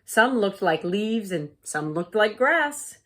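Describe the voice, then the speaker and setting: Her pitch sits in the middle as this woman teacher reads a children's storybook aloud, delivering it deliberately and expressively for young listeners.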